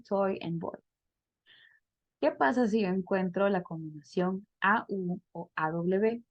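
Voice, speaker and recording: A woman's voice: lowish voice, vocal fry, a little mellow, dry recording, highs cut off. A woman teaching a pronunciation class over a video call, explaining step by step and checking in with her students. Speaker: English teacher.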